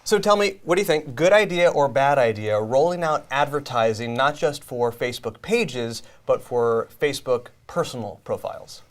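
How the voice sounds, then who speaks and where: A man co-hosting a live web broadcast on social media, reading the intro smoothly and then chatting about the news in an upbeat way. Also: medium pitch, animated, normal speed, few pauses. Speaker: co-host of a social media show.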